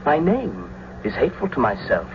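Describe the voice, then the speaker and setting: A man's voice: mid-range voice, huge pitch swings, normal speed, noisy background. An actor playing Romeo, an ardent young nobleman in love, with romantic, declamatory radio drama delivery. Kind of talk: classical stage-style radio drama acting. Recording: muffled old radio recording with music.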